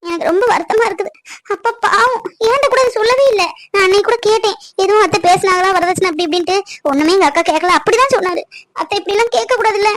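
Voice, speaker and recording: Someone voicing a squeaky, anxious young bride-to-be. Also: quick pace, fairly bright tone, no echo. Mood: sad. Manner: pleading, anxious, breaks into tears. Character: worried young bride-to-be, tearful and earnest. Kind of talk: cartoon voice acting.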